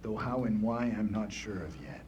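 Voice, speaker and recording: Man acting a low-voiced, steady horror game survivor. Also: moderate pace, lo-fi sound, background noise, lightly acted. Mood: puzzled, grave. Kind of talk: cinematic video game acting.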